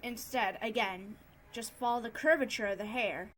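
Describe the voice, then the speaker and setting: A woman narrating an improvised tutorial in a casual, subdued and somewhat monotone way. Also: on the high side, normal speed, a little hiss or hum. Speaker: tutorial host, digital artist.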